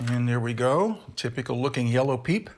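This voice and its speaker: A middle-aged man hosts a casual candy review alone, rambling, correcting himself, and chewing as he talks. His mid-range voice is expressive and a little fast, with slight background noise.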